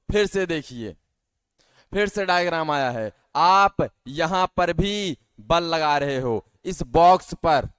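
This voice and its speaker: A man's voice: fairly high pitch, fairly bright tone, clean tone, dry recording. A male teacher giving a science lesson to schoolchildren, patiently asking questions and answering them himself, often calling them dear children.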